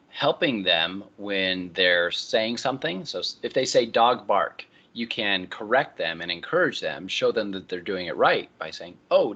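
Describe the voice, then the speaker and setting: A man lecturing a class, explaining in a relaxed way with many ums and uhs. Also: lowish voice, highs cut off.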